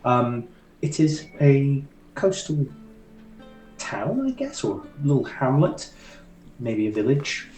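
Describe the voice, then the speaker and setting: A man's voice: medium pitch, very animated, slow pace, pauses often, a little mellow, roomy sound, faint music behind, poor audio. Rambling man running a tabletop game. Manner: rambling, lots of ums and likes. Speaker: dungeon master.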